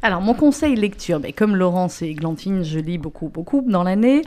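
A woman's voice: on the low side, moderate pace. Chatty woman giving a book tip. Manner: lively, talkative, animated storytelling. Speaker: radio columnist. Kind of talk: chatty book recommendation on radio.

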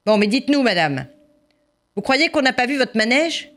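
A woman's voice: sits high, sing-song, moderate pace, voice pushed up. A woman voicing a stern, suspicious male police officer who speaks insistently and accuses. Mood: accusing.

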